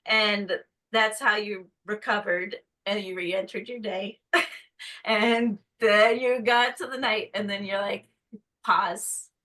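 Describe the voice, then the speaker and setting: A woman's voice: mid-range voice, fairly even intonation, takes it slowly, pushed and bright, low-quality recording. A woman guest from North Carolina in casual conversation, chatty, acting out quotes in a put-on voice. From North Carolina, USA.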